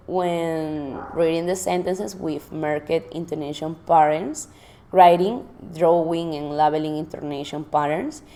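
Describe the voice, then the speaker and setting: A woman's voice: fairly low pitch, mellow, slight background noise. A woman teacher presenting classroom activities from her notes, stopping to restart and correct herself. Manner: reads from notes with frequent restarts and self-corrections. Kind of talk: presenting a lesson plan.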